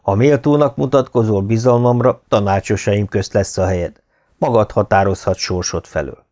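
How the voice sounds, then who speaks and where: A man's voice: lowish voice, warm tone, natural voice. Huaco, a man reading a stately young Inca ruler. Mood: solemn. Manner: measured, formal declamation. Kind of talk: audiobook character reading.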